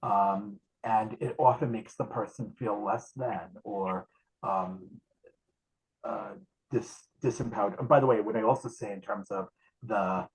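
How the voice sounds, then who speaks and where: A man's voice: lowish voice, expressive, measured pace, creaky, poor audio. A man speaking as a nurse educator in a conversational talk on a video call. He tells stories with frequent restarts and acts out dialogue.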